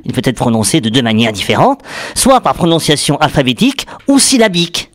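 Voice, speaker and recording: A man's voice: medium pitch, wildly swooping pitch, brisk. Man, radio columnist, explanatory, jokey, thinking aloud, studio mic. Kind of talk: radio chronicle on acronyms.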